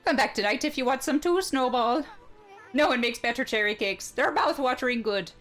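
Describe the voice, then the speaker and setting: A woman's voice: sits high, moderate pace, a bit bright, soft background music. A woman voicing a cheerful, fussy old village woman in a put-on Irish accent while reading game dialogue. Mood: fussing, delighted. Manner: sing-song, fretting and delighted.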